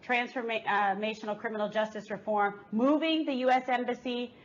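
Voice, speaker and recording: A woman's voice: a little high, fairly quick, a little hiss or hum. Emphatic woman on a political panel. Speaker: panel guest. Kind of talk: political talk show commentary. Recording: dull lo-fi stream audio.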